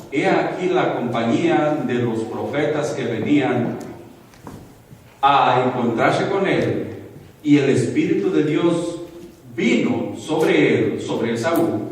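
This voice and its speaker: A man's voice: mid-range voice, slight background noise. A man preaching a sermon in an informal, conversational way, asking the congregation questions and correcting himself as he goes. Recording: echoey hall from far off.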